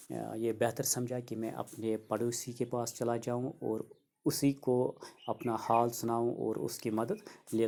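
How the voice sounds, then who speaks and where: A man's voice: medium pitch, dark tone. A middle-aged male teacher going through a school reader lesson for young children, restating each point simply and repeating himself.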